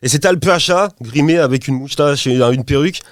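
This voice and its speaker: A man with a cold, a rapper and guest, chatting casually in an interview, animated and rambling, laughing often and using lots of slang. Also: fairly high pitch, fast talker, dry recording, clean studio sound. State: has a cold.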